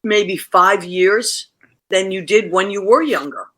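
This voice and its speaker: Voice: mid-range voice, takes it slowly, a bit bright. A host in their forties, chatty and enthusiastic, asking questions in a casual interview. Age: 40s.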